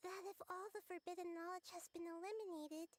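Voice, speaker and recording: A woman voicing a young girl who is a wise, gentle god, speaking softly and earnestly in a video game. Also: very high-pitched, fairly even intonation, a little fast, a little hiss or hum. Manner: soft, thoughtful and earnest.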